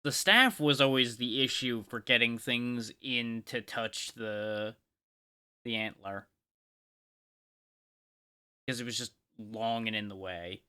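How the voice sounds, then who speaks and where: A man streaming live gameplay, talking through his choices with playful, excitable, mock-boastful trash talk. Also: medium pitch, slow pace, pauses often, clean tone.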